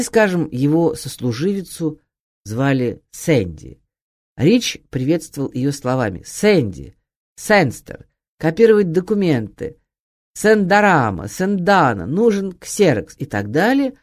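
A woman narrates an acting guide in an audiobook read. Her pitch swings widely from line to line, and her timbre stays mellow and soft-edged. She stresses words with clear emphasis. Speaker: audiobook reader.

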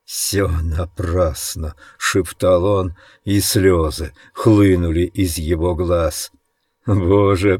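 A man narrates an audiobook in a very low voice, unhurried and grave. He reads at a slow, steady pace. The recording is dry and close, with no room sound. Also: no room sound. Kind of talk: scripted dramatic narration.

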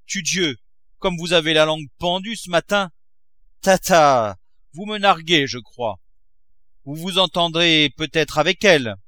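A man voicing a furious, miserly old father who shouts and mocks. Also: medium pitch, measured pace, dry recording. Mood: scornful. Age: older. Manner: shouting, explosive, mocking.

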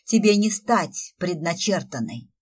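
A woman's voice: fairly low pitch, animated, a little slow, slightly rough. A woman voicing a scheming witch stepmother with a sweet, hissing voice in an audiobook. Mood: furious. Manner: honeyed then hissing.

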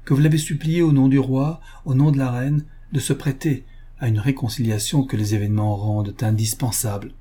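A man's voice: medium pitch, fairly even intonation, mellow, breathy edge, natural voice. A man voicing a grave noble countess. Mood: fervent. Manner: earnest, measured, solemn. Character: noble young countess, grave and self-sacrificing.

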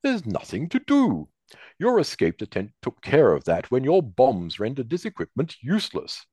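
A man's voice: medium pitch, huge pitch swings, moderate pace, warm tone, husky, dry recording, voice pushed up. A man voicing a formal, precise alien scientist with clipped, dismissive delivery.

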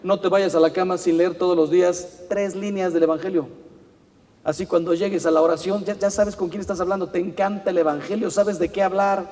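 A Mexican priest with a fairly high voice gives a lively, humorous pastoral talk, throwing rhetorical questions at his listeners. His voice rings out in a large hall with a long reverb. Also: fairly quick.

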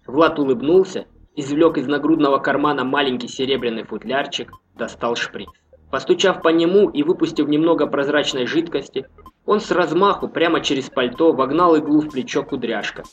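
A man reading a novel aloud in a measured, even storytelling manner. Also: a little high, highs cut off, slight background noise. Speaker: audiobook narrator. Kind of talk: scripted narration.

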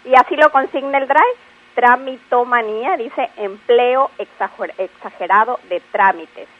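A woman patiently explaining word usage on a radio language segment, spelling out examples slowly. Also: fairly high pitch. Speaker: language expert guest. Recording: phone-like radio line.

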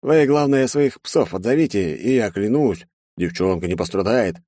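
A man's voice: fairly low pitch, expressive, normal speed, warm tone, no echo, clean studio sound, pitched above the performer's own voice. A man doing a gloating, mocking villain. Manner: mocking, theatrical, sneering. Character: gloating masked male terrorist leader.

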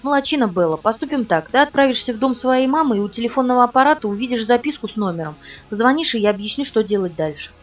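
A woman reading the lines of a calm, falsely polite male villain on the phone in an audiobook. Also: fairly high pitch, fast talker, lightly acted. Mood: cold, polite menace. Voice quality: pleasant tenor, falsely polite. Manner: calm, commanding, mocking. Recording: dull, distant recording with faint music.

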